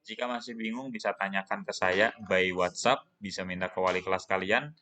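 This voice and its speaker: Indonesian male teacher, low voice. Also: steady tone, a little fast, sharp tone, slight background noise. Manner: explains patiently, asks and answers his own questions. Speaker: English teacher. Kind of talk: recorded online class lesson.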